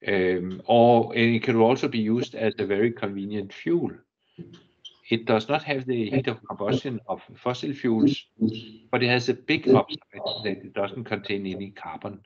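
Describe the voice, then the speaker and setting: An older man from Denmark with a Danish accent, giving a technical lecture in a measured, halting way, often restarting and repeating words. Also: on the low side, muffled recording. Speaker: guest lecturer. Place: university lecture room.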